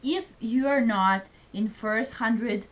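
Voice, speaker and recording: This Serbian student vlogger is a young adult woman who talks slowly in a slightly high voice, and the recording is rough. Speaking English as a second language, she chats casually for her vlog with plenty of fillers.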